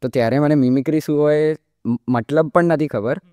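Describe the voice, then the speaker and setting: In a dry recording, a young man in his early twenties, an Indian mimicry artist, speaks briskly with a clean tone on the high side. He's a podcast guest, casually explaining and often slipping in English fillers like "like."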